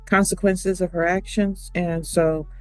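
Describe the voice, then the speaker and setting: A judge speaking in a measured, matter-of-fact way during a court hearing. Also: medium pitch, level tone, darkish tone, no echo, soft background music.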